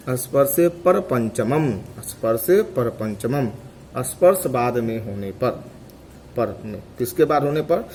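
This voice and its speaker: A man teaching a grammar lesson, asking questions and answering them himself, repeating each term slowly to drill it. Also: medium pitch, a little hiss or hum. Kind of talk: classroom lecture.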